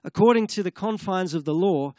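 An earnest man delivering a sermon, his voice sitting a little higher than most men's. The sound is dry and close, with no room echo. He sometimes moves into fervent spoken prayer. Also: a little fast, dark tone. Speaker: preacher.

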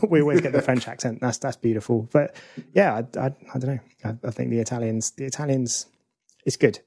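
Wry podcast host, dry close sound. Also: male voice, mid-range voice, a little fast, a little mellow, slightly rough, no room sound. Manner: wry, teasing, steers the show. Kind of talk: casual podcast chat.

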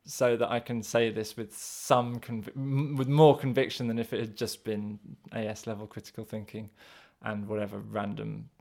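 A man co-hosting a casual podcast, talking in a halting, hedging way, restarting and correcting himself as he searches for words. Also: fairly low pitch, flat delivery, a little mellow. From England. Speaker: podcast co-host.

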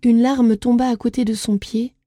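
A woman reading a fairy tale aloud as a storyteller, in gentle, deliberate narration. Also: a little high, little pitch movement, no echo, studio quality.

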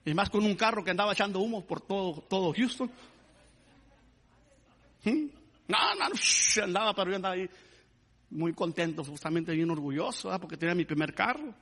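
A man's voice: high-pitched, lively intonation, fairly quick, pauses often, fairly bright tone. A man preaching a sermon, calling his listeners "brother" and asking them to praise the Lord. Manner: repeats "hermano" and asks the congregation to praise the Lord. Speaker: pastor.

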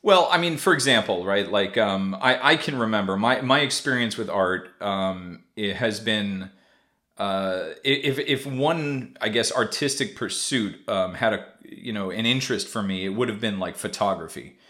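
Lower-voiced rambling male podcast host. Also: moderate pace, sharp tone. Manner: rambling, full of fillers and restarts, laughs easily. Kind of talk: casual interview conversation.

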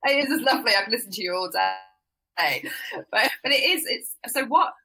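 A woman's voice: a little high, lively intonation, normal speed, pushed and bright, poor audio. A woman hosting a podcast and live stream, chatting in a bubbly, gushing way and laughing often. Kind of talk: casual interview chat.

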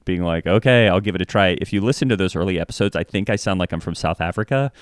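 Speaking fast in a deep voice, this podcast guest and improv comedian reflects casually in conversational interview talk, frequently performing snippets of dialogue he remembers. The recording is dry and studio quality.

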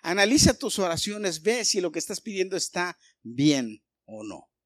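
A male pastor preaching a sermon, animated and full of rhetorical questions aimed at the congregation. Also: sits high, normal speed, no room sound, clean studio sound.

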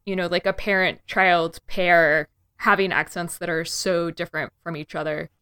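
A woman's voice: on the low side, fairly even intonation, moderate pace, sharp tone, smooth. A woman co-hosting a casual chat, putting short curious follow-up questions. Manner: inquisitive, brief follow-up questions. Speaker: co-host asking questions.

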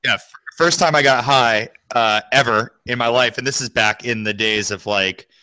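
A man telling a story among friends with a bright, forceful voice full of fillers and restarts. The sound is dry and close to the mic. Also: medium pitch, normal speed, no echo, rough recording. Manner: rambling, filler-heavy storytelling with acted quotes. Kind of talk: casual storytelling chat.

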